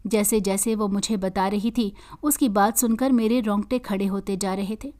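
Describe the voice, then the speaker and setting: A woman storyteller reading a moral story in an earnest, steady way. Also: mid-range voice, moderate pace. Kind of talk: scripted story narration.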